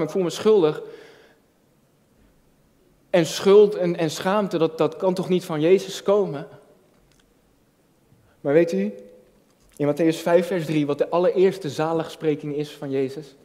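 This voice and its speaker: Fairly high in pitch yet dark in tone, this man's voice carries a personal, reflective sermon. He's a junior pastor in his early thirties, earnest, repeating phrases and asking rhetorical questions from a church-stage lectern. The distant recording is washed in long hall reverb.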